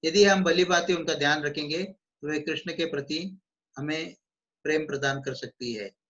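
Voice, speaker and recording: A man reading a devotional book aloud and explaining it in his own words, with slow recited verses and small restarts. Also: a little high, a bit bright, lo-fi sound. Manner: chants Sanskrit verses in a slow measured recitation. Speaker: devotional book reader and teacher.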